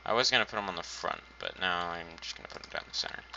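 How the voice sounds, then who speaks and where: Deep-voiced and quick, with vocal fry and a sharp tone, this gaming channel host gives casual let's-play commentary on his own game. He thinks aloud while building and makes dry, self-mocking asides; the dull lo-fi home recording carries a little hiss or hum.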